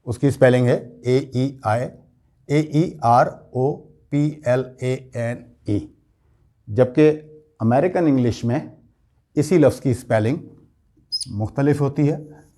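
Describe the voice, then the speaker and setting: A man's voice: medium pitch, slow, long pauses, warm tone. A man giving a spoken English pronunciation lesson, explaining patiently and repeating each word to drill it. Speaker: English teacher.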